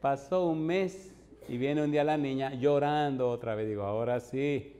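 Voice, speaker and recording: A man's voice: mid-range voice, normal speed, mellow. A man preaching as a pastor, telling a long story and acting out the dialogue, in a church hall before an audience. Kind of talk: storytelling sermon.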